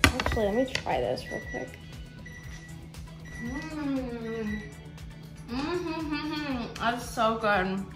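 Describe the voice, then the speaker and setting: Woman, cooking vlog host, excited chatter, roomy kitchen sound. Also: fairly high pitch, extremely slow, pauses often. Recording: roomy room with background music.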